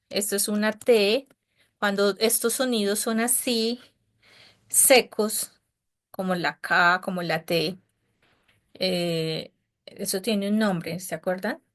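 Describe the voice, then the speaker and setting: Over a video call, a woman who speaks Spanish leads an English lesson, explaining pronunciation one step at a time. Her mid-range voice sounds patient and encouraging.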